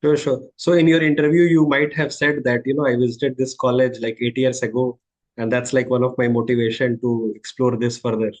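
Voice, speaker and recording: A man hosts a podcast and leads the conversation with his questions. His voice sits at a middling pitch for a man. He often affirms what his guest has said before he moves on to the next question. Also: level tone, a little fast, darkish tone. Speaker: podcast host. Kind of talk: casual interview conversation.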